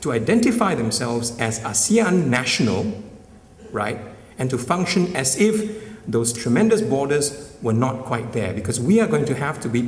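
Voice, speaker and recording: A man delivers a conference keynote with an animated pitch that rises and falls freely. He keeps a middle pitch and drives his points home, often checking in with the crowd. His voice comes from a distance and rings through a large, reverberant hall. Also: normal speed. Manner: emphatic, often tags lines with "right?". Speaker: summit speaker. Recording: echoey hall, mic at a distance.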